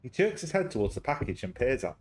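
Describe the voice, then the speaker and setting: A man's voice: mid-range voice, big pitch swings, fast, darkish tone. A young man casually reading a story game aloud on a stream, chatty and easily sidetracked into jokes. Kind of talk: casual live-stream chat and game narration.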